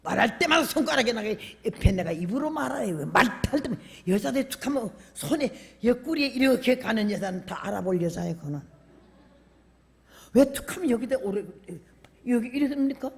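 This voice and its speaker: An older woman preaching a sermon in a colloquial, animated way, telling stories from her own life and acting out the dialogue. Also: a little high, a little fast, gravelly, long reverb tail. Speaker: revival preacher. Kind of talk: sermon with personal storytelling. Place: church sanctuary.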